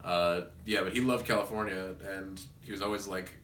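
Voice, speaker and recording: A man's voice: deep voice, steady tone, fairly quick, fairly bright tone, far from the mic, slight background noise. A man chatting casually as a guest, laid-back and laughing often. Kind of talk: casual chat. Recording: echoey room.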